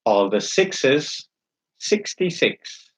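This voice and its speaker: A man calling bingo, announcing each number in a measured, formulaic way, digit by digit and then in full. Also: medium pitch, big pitch swings. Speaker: bingo caller and host. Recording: dull, lo-fi sound.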